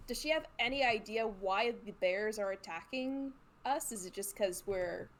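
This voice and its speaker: A woman's voice: medium pitch, moderate pace, a little hiss or hum. Woman, player, chatty, giggly, casual tabletop talk. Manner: giggly, chatty, describes her moves.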